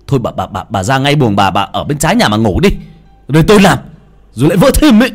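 A man's voice: sits low, animated, moderate pace, pitched below the performer's own voice. A man voicing a crude, bullying grown son who bellows and stammers in an audio story. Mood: bellowing angry.

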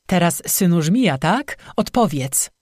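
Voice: mid-range voice, animated, measured pace, darkish tone, no room sound, lightly acted. Stubborn young man in a folk-tale audiobook, curt and hard questions, dry sound, read by the narrator. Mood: defiant.

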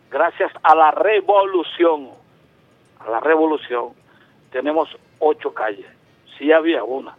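Calling a radio program over a tinny telephone line, this man in his seventies from Venezuela speaks in a voice on the high side. The recording is dry, and he goes on at length, pressing his points and often starting over.

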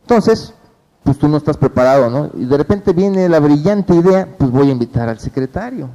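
A man's voice: on the high side, moderate pace, low-quality recording. A man with a Mexican accent giving a motivational business training, telling stories and talking straight to his audience. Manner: animated storytelling, addresses the audience directly and acts out phone calls.

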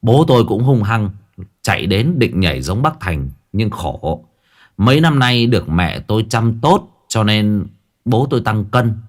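Low-voiced man telling a ghost story. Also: unhurried. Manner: lively, dramatic telling.

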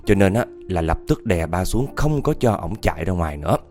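Low-voiced ghost storyteller. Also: male voice, animated, brisk, a little mellow. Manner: conversational, addresses listeners directly.

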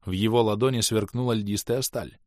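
A man's voice: fairly low pitch, fairly even intonation, fairly quick, darkish tone, dry recording, clean studio sound. A man narrating a first-person fantasy audiobook in a tense, dramatic way.

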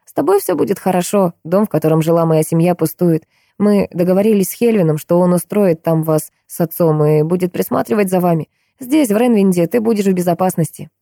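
Tormented male vampire, low and weary, cold guilt, read by a woman narrator, dark mellow tone. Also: fairly quick, vocal fry, no room sound, clean studio sound. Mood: calm.

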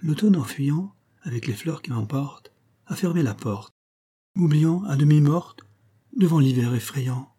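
A man's voice: a little high, lively intonation, a little slow, mellow, slightly rough, pitched above the performer's own voice. A man voicing a plaintive young princess. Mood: mannered. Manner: mannered, plaintive recitation. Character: young princess, delicate, coquettish and mournful.

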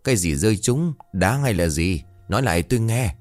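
A man's voice: on the low side, animated, fairly quick, darkish tone, no room sound, faint music behind, close to an everyday voice. Man doing a plodding bureaucratic village chief. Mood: matter-of-fact. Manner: bureaucratic, matter-of-fact questioning. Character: plodding middle-aged male village chief.

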